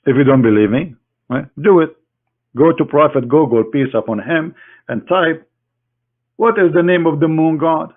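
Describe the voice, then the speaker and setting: A slightly high-voiced man speaks at a normal speed, pausing often, his audio thin like a phone line. He's a religious critic giving a mocking screen-share demonstration, scornful and sarcastic, aiming his remarks straight at his opponent.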